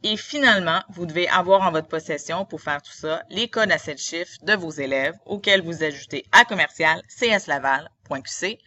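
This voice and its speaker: A woman's voice: fairly low pitch, normal speed, hardly any pauses, pushed and bright. A woman with a Quebec French accent, a teacher narrating a screen tutorial in a didactic, step-by-step way.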